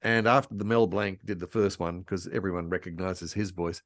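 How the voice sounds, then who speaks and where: A man talking as a guest on a podcast, an animated storyteller who often laughs while explaining cartoon voice history. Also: low-pitched, normal speed, no room sound, clean studio sound. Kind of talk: casual podcast conversation.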